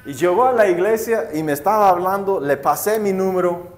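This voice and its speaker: Guy preaching a sermon, kinda high voice, tells stories and keeps asking the church "right?". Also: brisk. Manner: storytelling with rhetorical questions to the congregation; addresses listeners as brothers and sisters. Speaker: pastor.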